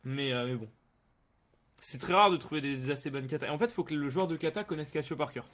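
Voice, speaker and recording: A man's voice: fairly high pitch, a little fast, a bit bright. A man streaming a video game with casual, rambling commentary full of gamer slang and repetition. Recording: clear background noise.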